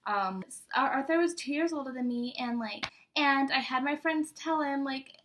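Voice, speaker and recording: A woman's voice: sits high, moderate pace, a bit bright, slight background noise. A young woman chatting casually to viewers as she reads aloud from an old diary, embarrassed and poking fun at herself. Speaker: vlogger.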